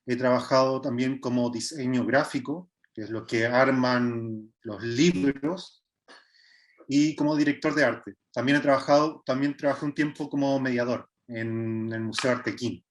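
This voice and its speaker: A man's voice: mid-range voice, fairly even intonation, measured pace. A man in his thirties with a Chilean accent, a visual artist giving an online workshop and talking in a hesitant way, with many filler sounds and restarts. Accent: Chilean Spanish. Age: 30s. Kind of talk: online art workshop presentation.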